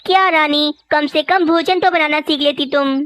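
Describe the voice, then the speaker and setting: A woman's voice: high-pitched, steady tone, normal speed, a bit bright, no echo. A stern, bossy male crow from a cartoon, voiced by a woman in a raised voice. He scolds and lays down rules, with a dry, close sound. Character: rich young male crow husband, stern with wife. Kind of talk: cartoon voice acting.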